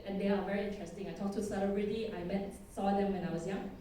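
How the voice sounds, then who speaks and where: Speaking with a Thai accent, this conference speaker from Thailand is a woman in her thirties whose talk is chatty, self-deprecating and full of laughter. Her mid-range voice holds a steady tone while racing along, mellow throughout. Slight background noise and hall echo come through a distant mic.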